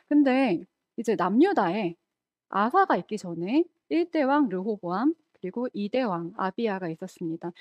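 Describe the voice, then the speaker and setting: A woman's voice: a little high, darkish tone, dry recording. A woman preaching a sermon in a conversational way, often asking the congregation questions.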